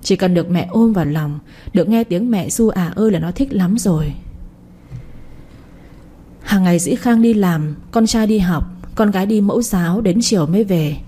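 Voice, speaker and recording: A woman narrating a story in an even, gentle reading voice. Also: mid-range voice, moderate pace, slightly rough.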